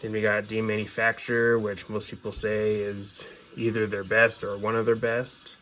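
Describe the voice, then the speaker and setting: Faint music sits behind a man with a fairly low, slightly bright voice, little pitch movement, and normal speed. He hosts a casual show-and-tell of his music collection, talking as an informal, opinionated fan.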